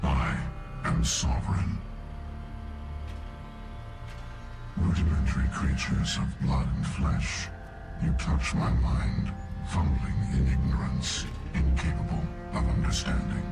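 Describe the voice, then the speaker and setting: A male actor playing an ancient, godlike sentient machine in a science fiction game, cold, contemptuous and imperious, with a processed synthetic rumble. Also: steady tone, heavily acted. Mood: cold contempt. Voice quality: gravelly, booming synthetic rumble. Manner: slow, imperious, grandiose pronouncements. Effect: deep machine voice processing. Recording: loud ominous music behind. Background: ominous music.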